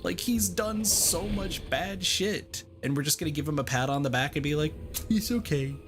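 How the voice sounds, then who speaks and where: A medium-pitched voice with lively intonation, at normal speed, belongs to a game streamer chatting casually on a livestream while playing. Behind the blunt, sweary, rambling, repetitive talk, riddled with "like," is video game music.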